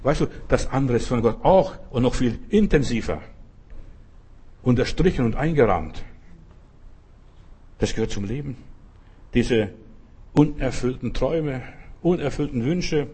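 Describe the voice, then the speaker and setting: A man's voice: mid-range voice, lively intonation, measured pace, long pauses, mellow, breathy edge. A man preaching a sermon, emphatic and repetitive, speaking straight to the listener. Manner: emphatic, repeats phrases, addresses listener as du.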